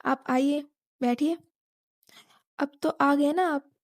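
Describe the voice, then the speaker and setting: A woman voicing a gentle young woman who reassures others and is quietly amused. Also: high-pitched, steady tone, takes it slowly, dry recording, clean studio sound.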